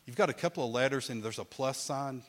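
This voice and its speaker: A man's voice: medium pitch, fast talker. Man teaching a Bible class, conversational. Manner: conversational, repeats words as he restarts, asks the class questions.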